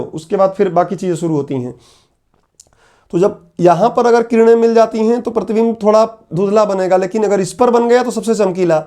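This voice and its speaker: A man's voice: high voice, dark tone. A man giving an exam-prep lecture, repeating key terms and putting questions to his students. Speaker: teacher. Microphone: laptop on online class.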